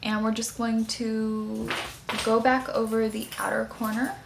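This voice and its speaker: Female makeup tutorial host, informal step-by-step chat, noticeably creaky delivery, slight noise behind. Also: fairly high pitch, little pitch movement, a little slow. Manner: chatty, informal, explaining each step.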